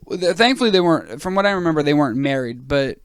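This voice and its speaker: Brief: young male podcast co-host, smooth higher voice, dry close mic, rambling storyteller. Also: animated, fast, dry recording. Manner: rambling storyteller with many fillers. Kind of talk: casual podcast chat. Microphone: podcast microphone.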